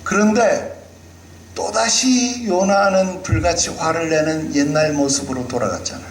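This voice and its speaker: A man's voice: on the high side, normal speed, roomy sound, a little hiss or hum, rough recording. A male pastor preaching a sermon with emphasis, often putting rhetorical questions to the congregation.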